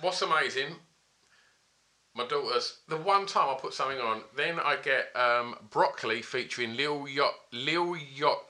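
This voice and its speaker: A man's voice: medium pitch, a little slow, pushed and bright. A British man in casual, colloquial, matey conversation on a podcast panel. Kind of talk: casual chat.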